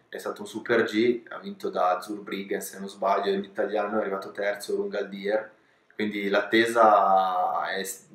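A young man, president of a ski resort and race director, calmly answering interview questions in an office, measured and informative with brief hesitations. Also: on the low side. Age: young adult. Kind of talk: calm seated interview answers. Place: office with pennants and souvenirs on the wall, indoors. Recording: roomy office echo.

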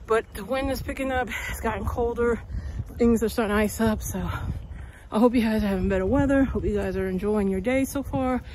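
A woman's voice: a little high, a little fast, a little mellow. A middle-aged woman out of breath, giving an upbeat, motivational walking vlog into a phone at arm's length. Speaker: fitness vlogger. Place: outdoors on a cold windy street, later in a car. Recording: noisy outdoor phone recording.

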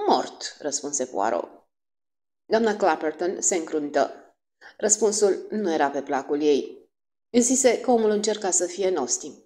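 Expressive low-voiced woman narrator. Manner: expressive, voicing each character. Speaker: audiobook narrator. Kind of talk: audiobook narration.

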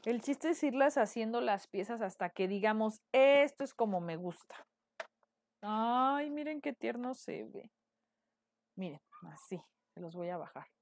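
On the high side and expressive, her measured voice guides a live decorative painting tutorial. The teacher speaks with a Mexican Spanish accent and chats with her viewers frequently.

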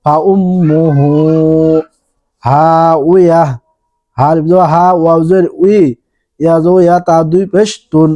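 A man teaching Quran reading in a Bangladeshi Bengali accent, spelling each word out letter by letter and stretching the recited words slowly. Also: sits high, fairly even intonation, dry recording, muffled recording. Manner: slow, drawn-out recitation between quick explanations.

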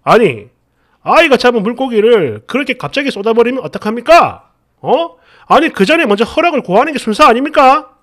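A woman's voice: a little high, very animated, moderate pace, few pauses. A stern father, played by a woman narrator, who snaps with curt, accusing questions. His tone is harsh and pushy throughout. It sits in a dramatized reading of an online story. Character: stern, confrontational young father, middle-aged man.

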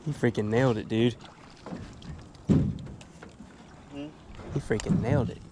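A young man fishing from a small boat on a pond, talking casually and exclaiming excitedly over the fish he catches, recorded on a head-mounted action camera. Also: mid-range voice, slow. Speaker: fishing vlogger. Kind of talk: casual outdoor chat while fishing. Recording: noisy outdoor action-camera audio.

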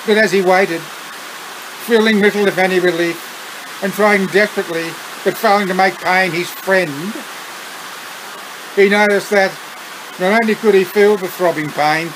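A man with an Australian accent reading his own story aloud, unhurried, breaking off for chuckling asides. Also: high voice, steady tone, noisy background.

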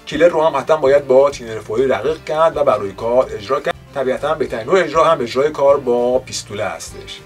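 A man's voice: medium pitch, hardly any pauses, soft background music. A man hosting a woodworking channel, explaining finishing steps patiently and politely in an instructional voice-over. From Iran. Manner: polite, patient explaining with formal courtesy phrases.

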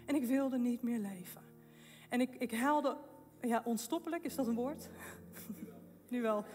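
A woman's voice: fairly high pitch, expressive, unhurried, a little mellow, soft background music. A woman giving an emotional testimony at a faith event, telling her story with laughs and broken-off phrases, then rising into fervent preaching. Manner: impassioned, rising to fervent proclamations. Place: event hall with long reverb. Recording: long echo of a large hall.

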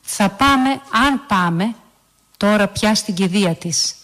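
A woman's voice: mid-range voice, animated, fairly bright tone, close to an everyday voice. A woman voicing a hurt, bitter middle-aged father in a storybook reading. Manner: bitter, wounded.

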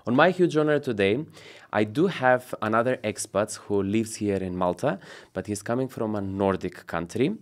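A man in his thirties hosts a relaxed studio podcast with a lower voice. He talks with an upbeat energy, laughs easily and makes small grammar slips. He is recorded close on a desk boom mic. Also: normal speed, few pauses. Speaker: podcast host. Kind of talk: casual interview chat. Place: studio set with blue walls and a wooden table. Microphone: desk podcast mic on boom arm.

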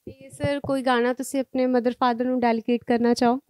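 A woman's voice: high-pitched, level tone, brisk, darkish tone, no echo. A woman interviewing a singer, politely asking short questions.

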